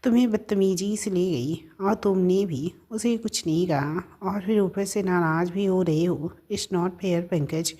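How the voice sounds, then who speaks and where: A woman voicing a young woman friend who coos and pleads, then turns touchy and quick-tempered. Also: lowish voice, dark tone. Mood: petulant. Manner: cooing baby talk turning petulant.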